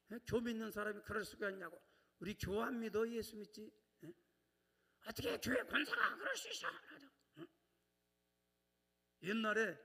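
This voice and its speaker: A male pastor with a high-pitched, slightly bright voice preaches a conversational sermon in a church sanctuary, repeatedly prompting and checking in with the congregation. The recording carries long church reverb.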